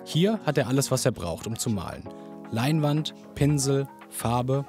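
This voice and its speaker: A man reading a scripted news report as a voice-over in an even, measured way. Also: medium pitch. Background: music.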